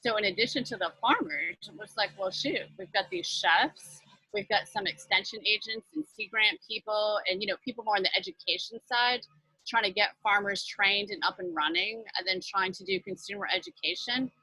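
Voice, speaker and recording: Woman, bright tense voice, dry close sound, chatty interview guest, video call. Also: mid-range voice, lively intonation, a little fast, husky, no echo, poor audio. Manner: chatty, upbeat, many fillers. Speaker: guest, nonprofit leader. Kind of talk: casual interview chat. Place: home front porch office.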